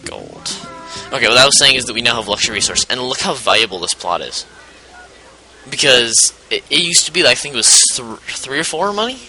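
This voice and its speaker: A man with a mid-range, sing-song voice, pushed and bright, delivers casual let's play commentary a little fast. He rambles and keeps interrupting himself as he explains the game's mechanics, while game music plays and the audio stays poor.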